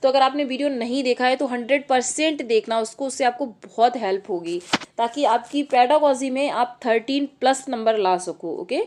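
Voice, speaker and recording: A woman teaching an online exam-prep lesson. She reads English questions out slowly, explains them to the students and keeps checking in with "okay". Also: a little high, a little mellow, a little hiss or hum. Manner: addresses the students directly, often checking with "okay".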